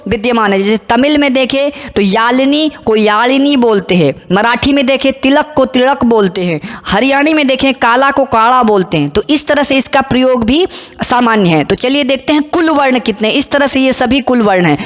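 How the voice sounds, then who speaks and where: A woman's voice: high voice, normal speed, in a large hall. A woman explaining Sanskrit letters as a teacher, methodically listing and counting them one by one. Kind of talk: explanatory lesson.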